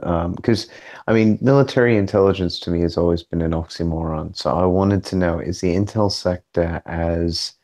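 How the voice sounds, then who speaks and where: A man on a group call asking wry, drawn-out questions. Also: low voice, darkish tone. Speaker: caller. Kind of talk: casual group call chat.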